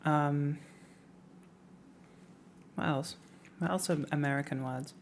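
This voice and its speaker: A young woman from England chats casually on a livestream, rambling with lots of "likes" and "ums" and slipping into playful rants. Her voice is low-pitched and slow, with slight background noise behind it.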